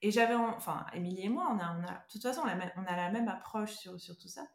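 Interview guest, female, middle-aged. Mid-pitched with vocal fry, halting as she searches for words, roomy sound. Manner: hesitant, searching for words, often restarting sentences. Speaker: interview guest, beauty brand co-founder. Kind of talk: casual conversational interview.

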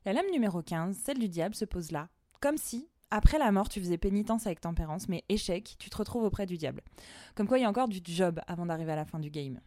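A woman hosts a laid-back tarot podcast, joking and dropping bits of English slang as she goes. Her voice is soft and mellow. It sits close and dry, with almost no room sound around it. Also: medium pitch, animated, quick pace, no room sound. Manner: playful and slangy, mixing in English words. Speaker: podcast host and tarot reader. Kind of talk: casual podcast chat.

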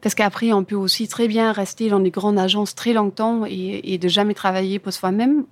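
In a recording with no room sound, a medium-pitched woman with fairly even intonation speaks at a moderate pace. A furniture designer from Germany and native German speaker, she casually answers interview questions about her career in imperfect French with a German accent, often searching for words.

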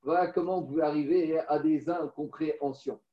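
A man's voice: a little high, steady tone, moderate pace. A man teaching a text study class, chanting text passages aloud and then explaining them with little stories. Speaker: religious teacher. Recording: roomy, distant, dull recording.

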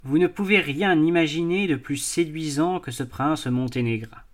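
Expressive man reading a classic novel. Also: a little high. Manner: measured, expressive literary reading. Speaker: audiobook reader. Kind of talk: scripted narration.

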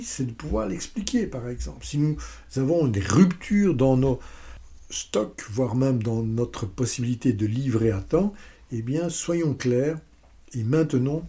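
A man presenting a business lesson step by step, with playful, self-mocking asides. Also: medium pitch. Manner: steady step-by-step explaining.

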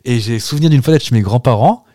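A man's voice: medium pitch, quick pace, dark tone, dry recording, studio quality. A man co-hosting a podcast, chatting casually and making jokey wild guesses. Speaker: podcast co-host. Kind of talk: casual banter.

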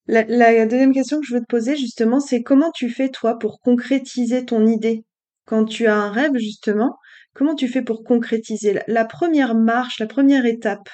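A woman's voice: fairly high pitch, steady tone, normal speed, mellow. A woman hosting an interview, plainly asking her guest questions. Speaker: interview host. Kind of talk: casual interview conversation.

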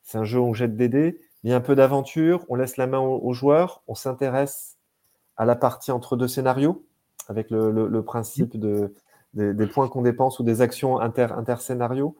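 A man in relaxed conversation, describing games with plain enthusiasm. His voice is mellow and warm, pitched in an ordinary middle range. He stumbles, repeats words and restarts sentences as he goes. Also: moderate pace. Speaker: game designer and translator. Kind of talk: casual chat.

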